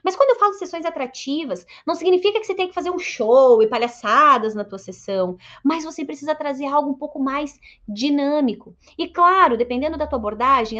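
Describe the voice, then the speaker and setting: Woman psychologist, high voice, lively storytelling talk, acts out patients' lines, slightly dull lo-fi sound. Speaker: psychologist and course mentor. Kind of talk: lively motivational talk to colleagues.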